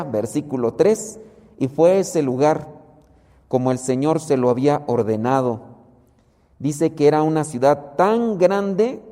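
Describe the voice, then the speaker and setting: Male preacher, mellow tone, measured sermon delivery, long hall reverb. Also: a little high. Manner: slow, measured explaining of scripture.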